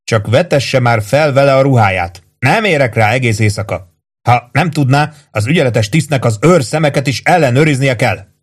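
A man's voice: mid-range voice, voice pushed up, lightly acted. A man reading aloud, voicing a bored, impatient army duty officer in an audiobook.

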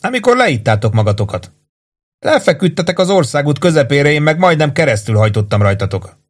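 A chatty army driver, rattled and talkative, as a man puts him on. The voice is pushed noticeably higher than the reader's low narration, in an audiobook. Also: very animated.

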